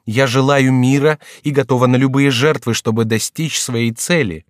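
A man's voice: medium pitch, fairly even intonation, moderate pace, dry recording, studio quality, pitched above the performer's own voice, natural voice. A man reading aloud, voicing a scheming aging queen mother who sounds tender while demanding obedience. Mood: pleading. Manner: falsely tender, imploring tone.

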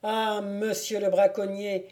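A woman reading a storybook voices a haughty nobleman who mocks and taunts loudly. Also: mid-range voice, flat delivery, slow pace, lightly acted. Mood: taunting. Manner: loud, scornful. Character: haughty mocking nobleman, adult man.

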